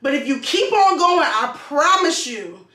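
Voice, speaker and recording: A woman's voice: high-pitched, very animated, measured pace, pushed and bright. A woman venting casually to camera, emphatic and repeating phrases for stress. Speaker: vlogger and call center customer service worker. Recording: echoey room.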